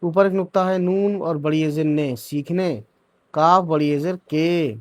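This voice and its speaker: A man leads a beginners' reading lesson at a very slow, deliberate pace. His voice sits a little high for a man, and he spells each word sound by sound before blending it. The close recording is dry, with no room echo. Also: fairly even intonation. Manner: spells words out syllable by syllable, then joins them; checks in with "theek hai" and "hai na". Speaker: Urdu reading teacher.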